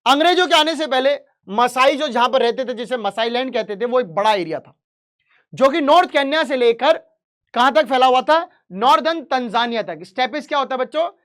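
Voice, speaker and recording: A chatty online teacher walks students through a history chapter, switching between Hindi and English. English sentences come out slow and deliberate, then the explanation rushes on in casual, joking Hinglish, with direct questions to the class. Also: sits high, expressive, fairly bright tone. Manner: playful asides and jokes, addresses students directly.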